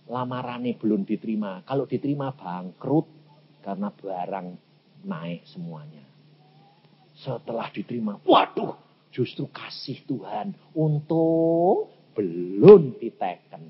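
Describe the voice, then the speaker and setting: An older man with a Javanese accent preaching a sermon, animated, swinging from hushed asides to loud acted-out cries. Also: medium pitch, husky. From Indonesia. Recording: muffled lo-fi recording.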